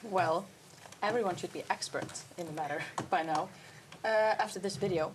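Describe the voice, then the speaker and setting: A young woman hosting a student talk show, upbeat and lively in her introductions and questions. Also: fairly low pitch, normal speed, noisy background. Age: teens or young adult.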